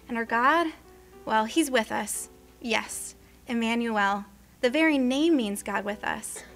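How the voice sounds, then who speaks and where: A woman's voice: a little high, slow pace, creaky, fairly bright tone, full character voice. A woman reading the lines of an anxious, devoted young husband as an earnest, prayerful inner monologue, with faint music underneath.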